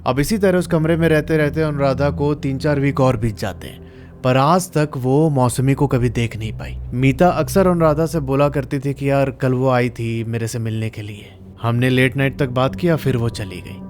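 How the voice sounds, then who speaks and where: A man's voice: mid-range voice, normal speed, a little mellow, a little hiss or hum. Man telling a spooky true story, conversational, buddy-like with the audience, medium voice. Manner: chatty, addresses listeners as friends. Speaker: horror story narrator. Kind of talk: casual storytelling narration.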